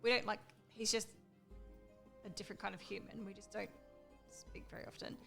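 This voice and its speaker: A woman's voice: mid-range voice, steady tone, brisk, creaky, music in the background. A woman on her first tabletop game, telling a rambling story between turns and swearing now and then. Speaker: new player.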